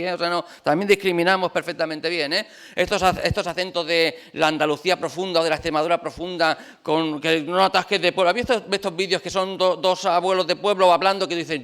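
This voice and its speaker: A pastor with a slightly high, somewhat bright, clean voice preaches a conversational sermon in a church. He's chatty and fills it with rhetorical questions aimed at the congregation.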